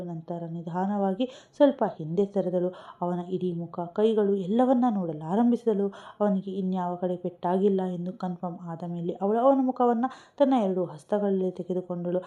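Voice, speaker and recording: A woman storyteller reading an emotional story in a soft, unhurried way. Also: lowish voice, dull audio.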